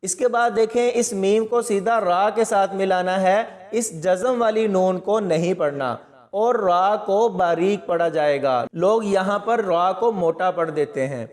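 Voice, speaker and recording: A man's voice: sits high, long reverb tail. A man teaching Quran recitation, explaining pronunciation patiently and methodically, step by step. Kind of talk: step-by-step tajweed lesson.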